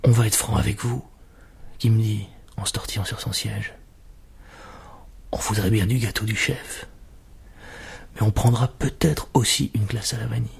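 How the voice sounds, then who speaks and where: A man voicing a very fat, polite male diner who talks softly and a little breathlessly. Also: fairly low pitch, fairly even intonation, normal speed, gravelly, long pauses, slightly rough, heavily acted. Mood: sheepish.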